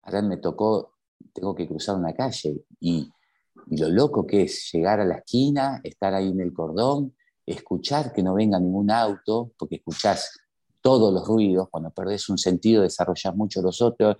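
An Argentine man with a fairly low, mellow voice recounts his own story as a guest. He talks emphatically, throwing rhetorical questions at his listeners. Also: moderate pace. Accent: Argentine Spanish. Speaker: interview guest. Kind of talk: personal storytelling.

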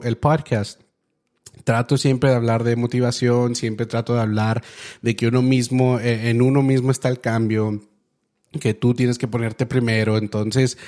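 A man's voice: mid-range voice, darkish tone. A young man hosting his own podcast, telling a story in a loose, chatty way full of fillers and restarts. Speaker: podcast host. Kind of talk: casual storytelling monologue.

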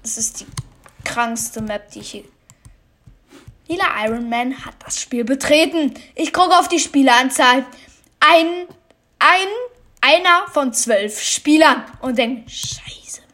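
A woman giving casual commentary on her own video game, excitable, swearing and muttering at what happens on screen. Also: high-pitched, slow pace, long pauses, a little hiss or hum. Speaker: gamer commentating her play.

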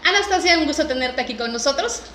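Bright, emphatic Mexican woman hosting. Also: high voice, animated, fast talker, reverberant, a little hiss or hum. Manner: emphatic, chatty. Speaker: podcast host. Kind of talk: upbeat presenting and interviewing.

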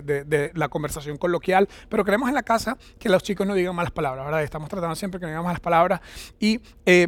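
A man's voice: on the high side, dry recording. Conversational male pastor, dry sound. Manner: conversational, anecdotal, frequent "¿verdad?" tag questions. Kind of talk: sermon.

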